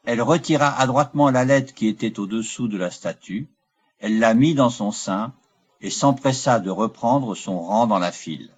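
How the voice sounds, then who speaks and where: A man reading a classic novel aloud as an audiobook, in measured, even narration. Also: medium pitch, breathy edge. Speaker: audiobook reader. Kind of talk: scripted narration.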